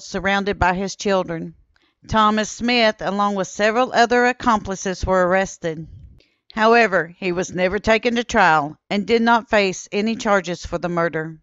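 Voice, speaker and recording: This is a woman narrating for a history channel, calmly and evenly reading a documentary script that includes old newspaper quotes. She speaks at a mid pitch with a clear, smooth voice, captured in a dry recording whose tone comes across as a bit dull and muffled.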